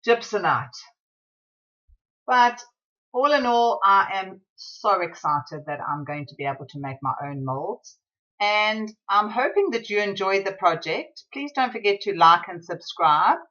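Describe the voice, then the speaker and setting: A woman from South Africa talking through a craft tutorial as a rambling, excitable voiceover. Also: low voice, dull audio.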